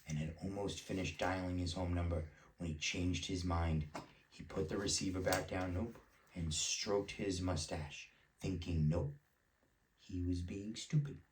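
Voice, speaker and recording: Deep-voiced dad reading aloud. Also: male voice, echoey room, far from the mic, low-quality recording. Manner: relaxed, breaks off to chat with child. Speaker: parent reading a bedtime story.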